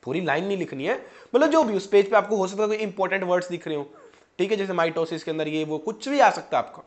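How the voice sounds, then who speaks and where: A man's voice: sits high, animated, fast. A young man in his twenties, a medical student, giving chatty, direct exam-prep advice to students. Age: 20s. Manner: chatty, direct, addresses students as "janab" and "bhai". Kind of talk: casual exam-prep coaching talk.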